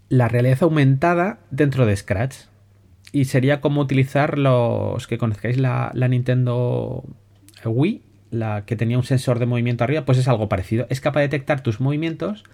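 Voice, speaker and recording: A man with a Spain Spanish accent talks through educational software on his podcast. His delivery is loose and conversational, with frequent restarts and a habit of checking in with listeners. His pitch sits in an ordinary middle range. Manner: relaxed, conversational, many restarts and "¿vale?" checks. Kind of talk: casual spoken explainer.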